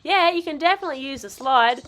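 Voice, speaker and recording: A woman's voice: high voice, animated, quick pace, fairly bright tone. A woman voicing a cheerful, encouraging adult male cartoon dog, a dad and uncle, in children's toy role-play. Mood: reassuring. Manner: hearty, reassuring, encouraging.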